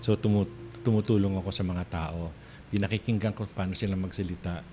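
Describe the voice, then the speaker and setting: A man hosting a radio talk show in a casual, rambling on-air monologue, full of restarts and soft laughs. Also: deep voice, steady tone, a little fast, background noise. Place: radio studio. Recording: radio broadcast with music playing underneath.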